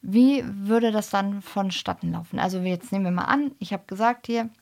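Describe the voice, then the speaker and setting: A woman's voice: medium pitch, moderate pace, vocal fry. A young adult woman hosting a casual interview, talking in a chatty way and often adding tag questions. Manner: chatty, frequent "ne?" tags. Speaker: podcast host.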